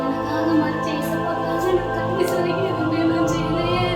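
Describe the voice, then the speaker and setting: A woman's voice: very high voice, flat delivery, fairly quick, very echoey, distant mic. A young woman playing a girl who wails a half-sung lament over a wasted life. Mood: wailing lament. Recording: loud music underneath.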